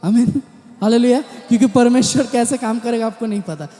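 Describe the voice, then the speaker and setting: In a large church hall with long, echoing reverb, a male pastor preaches in an extremely high yet dark-toned voice at a fairly quick pace. He frequently bursts into amen and hallelujah and sprinkles in English words.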